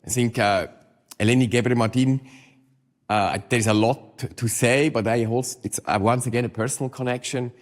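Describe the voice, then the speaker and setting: A man, an academic, giving an informal introduction of a speaker in halting English with non-native phrasing. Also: mid-range voice, fairly even intonation.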